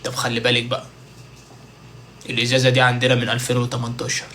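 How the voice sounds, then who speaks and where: A man's voice: mid-range voice, completely flat delivery, very fast, pushed and bright, slight background noise. A man with an Egyptian Arabic accent doing a joking, playful comic monologue to his viewers. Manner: joking, playful, mimics street vendors. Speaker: content creator.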